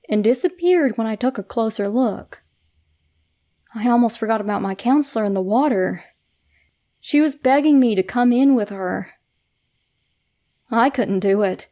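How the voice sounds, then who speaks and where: In a mid-range voice, a woman narrates a scripted horror story in the first person. The delivery is hushed, soft and measured, with pauses that build suspense.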